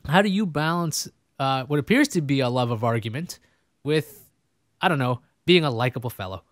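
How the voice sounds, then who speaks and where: A man's voice: medium pitch, animated, moderate pace, dry recording, studio quality. A man hosting a casual interview show, rambling and joking about himself. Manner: rambling, self-mocking, jokey. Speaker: host. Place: New York.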